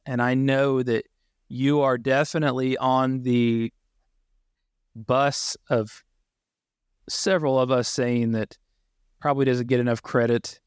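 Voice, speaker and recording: Male co-host, mid-pitched, dry close mic, eager and chatty. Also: level tone, measured pace, clear, resonant tone, no echo. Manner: enthusiastic, reads out title history. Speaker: podcast co-host. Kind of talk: casual podcast chat.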